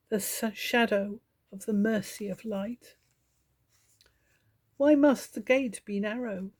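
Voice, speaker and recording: A woman hosting her own channel, reading poems aloud slowly and meditatively, soft-spoken with gentle pauses. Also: fairly high pitch. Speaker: poetry reader and channel host. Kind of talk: slow, meditative poetry recitation.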